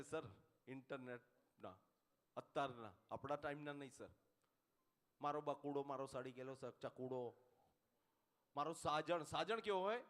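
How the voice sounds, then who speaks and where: A high-pitched man with a Gujarati accent works the room in a stand-up set. He slips into the voices of his characters as he goes. His voice rings out with the long reverb of a hall. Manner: animated, puts on voices of the people in his jokes, talks straight to the audience. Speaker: stand-up comedian. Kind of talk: Gujarati stand-up comedy on stage.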